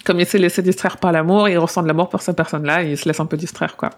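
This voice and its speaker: A podcast co-host chatting casually about a book and reading out steady chapter summaries. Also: medium pitch, rapid-fire.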